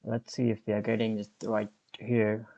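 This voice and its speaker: A lowish, warm voice with vocal fry and a completely flat delivery comes through dull audio. The speaker, a man in his twenties, hosts a screen-recorded coding tutorial and explains things step by step as he types, taking his time.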